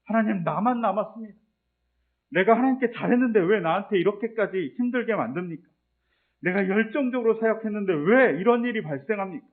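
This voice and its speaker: A man's voice: high-pitched, expressive, brisk, voice pushed up. A man preaching voices a worn-out, indignant male prophet who demands answers from God, pleading and accusing, over a tinny phone-like line.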